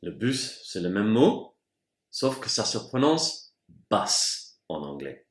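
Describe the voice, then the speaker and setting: Male teacher, bilingual vocab lesson, slow and deliberate, pitch swings widely, roomy echo. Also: very animated. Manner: slow, careful pronunciation of example words. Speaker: English teacher. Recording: roomy echoey room.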